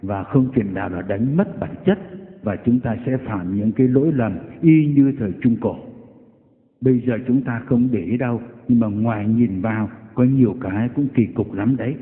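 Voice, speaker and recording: A man's voice: mid-range voice, moderate pace. Priest guy giving a homely sermon, echoey room, thin lo-fi audio. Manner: folksy storytelling, animated quoted voices. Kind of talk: sermon with anecdotes. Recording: echoey hall over tinny lo-fi line.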